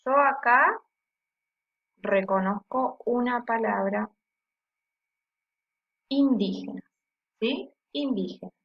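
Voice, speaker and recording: A woman teacher explaining a lesson slowly and patiently, checking often with the class and stressing syllables aloud to demonstrate. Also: on the high side, lo-fi sound. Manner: slow and patient, with frequent checking "¿sí?".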